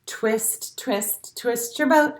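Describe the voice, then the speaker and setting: A librarian hosting storytime reads a picture book aloud to small children in a fairly high voice, drawing out her words. She reads with expression, adds songs and asides, and talks to the children in a simple, encouraging manner.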